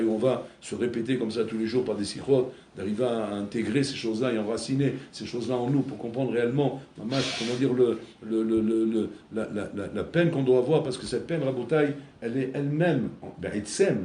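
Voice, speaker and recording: A man's voice: medium pitch, warm tone, slight background noise. Man preaching in a roomy hall. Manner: storytelling, repeats words while searching, keeps addressing listeners. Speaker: rabbi. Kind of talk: sermon.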